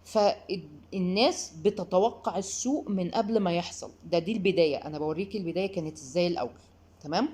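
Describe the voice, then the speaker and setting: A woman's voice: on the low side, quick pace, husky. A woman with an Egyptian accent giving parenting advice, talking straight to the listener and acting out quotes. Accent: Egyptian Arabic. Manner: animated, addresses the listener directly, acts out quotes. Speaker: parenting advisor. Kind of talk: advice talk to mothers.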